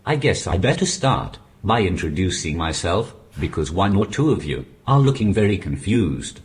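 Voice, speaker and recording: Male text-to-speech voice, deep, swinging intonation, deadpan stand-up, noisy room. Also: normal speed. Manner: flat synthetic speech with deadpan jokes. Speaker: stand-up comedian. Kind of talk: stand-up routine through a text-to-speech communication aid. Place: comedy stage before a live audience. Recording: noisy live venue recording.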